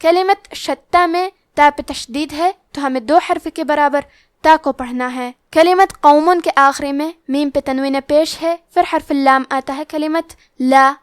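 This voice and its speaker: A woman with a Pakistani Urdu accent teaching Quran recitation rules, explaining each one in a measured way and then reciting the words slowly. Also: high voice, dry recording, clean studio sound. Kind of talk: tajweed lesson with slow recitation.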